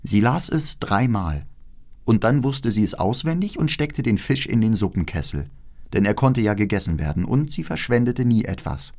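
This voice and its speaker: A man reading a fairy tale aloud as an audiobook narrator, with measured, expressive storytelling. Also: on the low side, gravelly.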